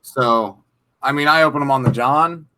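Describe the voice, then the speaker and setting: Podcast cohost dude, joking around, easily stoked. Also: male voice, mid-range voice, normal speed. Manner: jokey, excitable, laughing. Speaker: podcast co-host. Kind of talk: casual chat.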